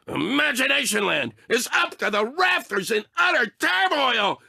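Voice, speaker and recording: Short-tempered cartoon anger creature, high-pitched for a man, harsh and sharp, sarcastic, exasperated, raspy, video game character. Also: very animated, measured pace, no room sound, studio quality, heavily acted. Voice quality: raspy, gravelly, tense. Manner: sarcastic, exasperated, emphatic, blustering. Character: Anger, short-fused, blustering, sarcastic male cartoon emotion.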